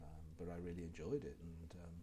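An older Englishman, once a university lecturer, looks back on his career in an oral history interview, reflective and hesitant with plenty of ums. His voice is low-pitched and dark in tone, fairly quick, with fairly even intonation. Slight background noise can be heard.

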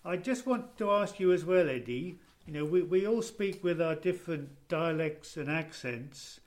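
A man interviewing someone in a gentle, conversational style, phrasing his questions a little hesitantly. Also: on the high side, animated, normal speed.

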